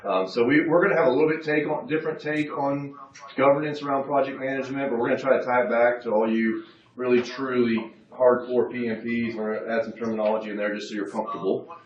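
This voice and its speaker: A man's voice: mid-range voice, fairly even intonation, fast. A man giving a workshop presentation in a casual, folksy, self-deprecating way, drawing the audience in. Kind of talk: casual seminar talk with audience interaction. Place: conference room. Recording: roomy, dull, from a distance.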